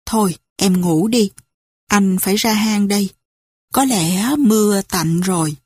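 A steady young male fighter in a wartime tale who talks gently and reassuringly, voiced by a woman. The delivery is slow and the tone is slightly husky, recorded dry. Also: mid-range voice, no room sound. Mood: earnest.

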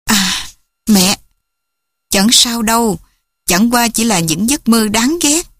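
A woman's voice: a little high, expressive, slow pace, fairly bright tone, no room sound, studio quality, heavily acted. A woman voicing a frightened young girl who cries out and sobs for her mother. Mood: flustered. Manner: wailing, sobbing cries.

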